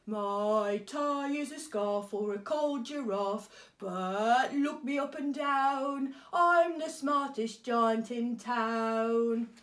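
A woman voicing a scruffy, kind-hearted male giant, speaking slowly and emphatically. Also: sits high, sing-song, pitched above the performer's own voice, full character voice. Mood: sing-song. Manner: slow, loud and emphatic. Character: scruffy kindly male giant, cheerful and generous.

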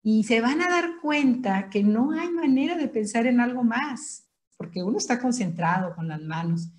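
A woman with a Mexican accent teaching an online class, explaining patiently step by step and repeating each word slowly. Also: a little high, lively intonation, a little mellow. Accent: Mexican Spanish. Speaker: tai chi instructor.

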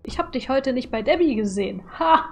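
A woman with a fairly high voice gives casual live commentary on a game. She mutters playful reactions in an informal, chatty way. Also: animated, brisk, breathy edge. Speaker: video game streamer. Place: small indoor room at home.

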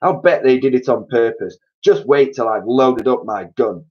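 A man reading aloud voices a nasty, grumpy old man who blusters and shouts. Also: medium pitch, normal speed, dull audio, pitched above the performer's own voice, natural voice. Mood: angry.

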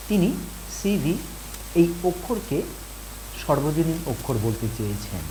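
A male teacher lectures with a lively voice, rising and falling as he stresses each term. A clear hiss runs under the whole recording. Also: mid-range voice. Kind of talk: explanatory lesson. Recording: hissy recording.

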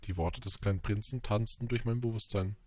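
A man narrating an audiobook in a measured storytelling manner. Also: on the low side, steady tone, a little mellow, a little hiss or hum. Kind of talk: scripted narration.

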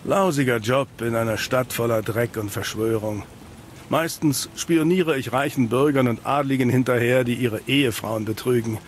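A man's voice: medium pitch, normal speed, natural voice. Guy doing a dry noir detective in a fantasy game, jaded and cynical, bit of rain noise behind. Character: world-weary cynical male private detective in a fantasy city. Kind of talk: scripted video game dialogue in German dub.

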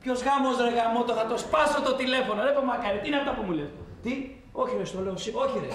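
A brash, hustling undertaker barks slang down a bad phone line. His voice sits high and bounces around a roomy space. The delivery is blunt and pushy. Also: a crowd in the background. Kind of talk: film comedy acting.

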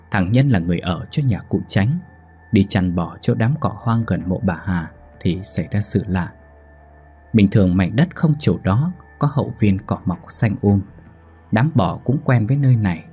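A man with a low, husky voice narrates a village ghost tale. His storytelling is steady and dramatic. Soft music plays faintly beneath him. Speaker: storyteller host.

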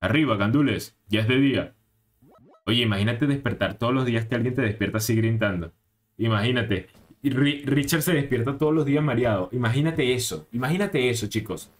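A young man giving casual, excitable, slangy commentary while playing a video game. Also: medium pitch, brisk. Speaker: gaming channel host. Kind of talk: let's play commentary.

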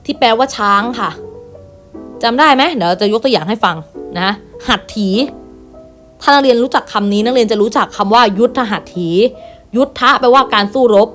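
Patient Thai teacher reading word lists. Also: female voice, on the high side, fairly quick, soft background music. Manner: patient, reads each word aloud and repeats with gentle "na kha" tags. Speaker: primary school teacher. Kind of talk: online class lesson, reading word lists.

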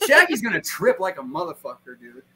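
A man on a stream, rambling profanely and acting out pranks in quick put-on voices. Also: sits high, animated, a crowd in the background, poor audio. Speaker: guest. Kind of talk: crude casual chat on a stream.

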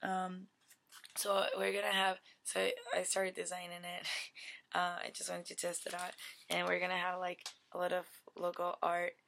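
A woman in her twenties giving a deadpan comic pitch on a webcam in a dim bedroom, rambling with lots of "like" and "you know". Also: normal speed, creaky. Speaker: vlogger. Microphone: webcam at desk.

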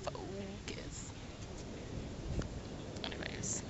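A woman's voice: drawn-out words, in a whisper, rough recording. A young woman from the US East Coast chatting casually to a handheld camera at arm's length on a sunny beach, easygoing and trailing off with "I don't know". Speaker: vlogger. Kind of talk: casual vlog chat. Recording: loud beach wind and surf noise.

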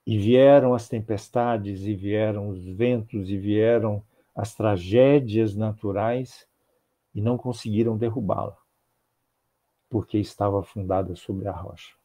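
An older man with a Brazilian Portuguese accent, a spiritist lecturer, gives a religious talk over a video call in a mellow, warm voice that sits on the low side. His measured, rhythmic phrasing stacks up repeated clauses with fairly even intonation. A small earphone mic in his home office captures the sound.

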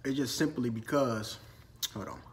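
A Minnesota man in his twenties, medium-pitched and speaking at a normal pace, chats in a laid-back, slangy way while eating during a Q&A vlog. He films it on a phone indoors, in a storage room lined with shelves and ladders.

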